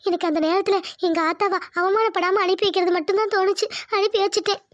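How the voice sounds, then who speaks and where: A woman's voice: very high-pitched, steady tone, fast talker, dry recording, lo-fi sound. A woman voicing a meek young village wife who pleads politely and tearfully with her husband.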